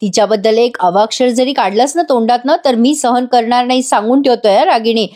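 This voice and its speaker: A stern, angry husband scolds firmly and curtly, as a woman narrator speaks his lines. The voice stays fairly high and close to her own. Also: fairly quick, mellow, lightly acted. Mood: angry scolding.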